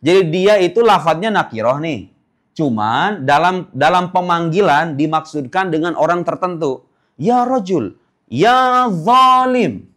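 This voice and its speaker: A man gives a classroom grammar lesson in a fairly high voice. He explains step by step and often stops to ask whether the class understands. He draws the example words out slowly, almost chanting them. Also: animated. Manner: explains step by step, asking "paham nggak?". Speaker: Arabic grammar teacher. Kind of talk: classroom lecture.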